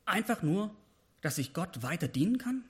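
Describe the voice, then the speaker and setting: A man's voice: sits high, big pitch swings, moderate pace. A man giving a personal devotional sermon, speaking with passion and rising to emphatic peaks when he voices prayers. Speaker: preacher.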